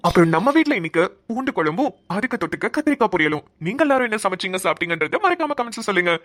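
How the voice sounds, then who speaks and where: A man's voice: high-pitched, sing-song, rapid-fire, fairly bright tone, dry recording, studio quality. A man giving a chatty, upbeat outro as channel host. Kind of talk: casual end-card outro.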